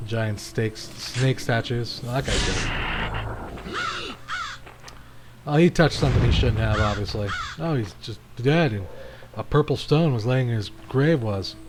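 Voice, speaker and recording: A man's voice: mid-range voice, huge pitch swings, unhurried, long pauses, noisy background. A man hosting a gaming channel, giving casual, rambling commentary with frequent restarts while he plays.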